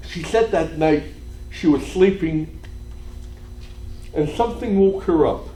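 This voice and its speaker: A man, a priest, telling a story in a retreat sermon, dropping to a hush and rising to shouts. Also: on the high side, takes it slowly. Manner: dramatic storytelling, swings from hushed to shouting. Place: cathedral. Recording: echoey church hall, faint room noise.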